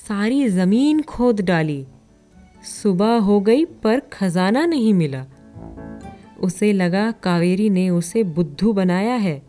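Woman storyteller, slow and mellow, calm even reading, faint music underneath. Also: mid-range voice. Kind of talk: scripted story narration.

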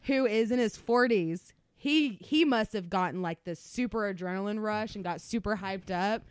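A woman co-hosting a casual chat, telling a lively story with frequent swearing and laughter. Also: medium pitch, moderate pace, clean tone, no room sound, clean studio sound. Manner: animated storyteller, swears freely, laughs often. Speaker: podcast co-host.

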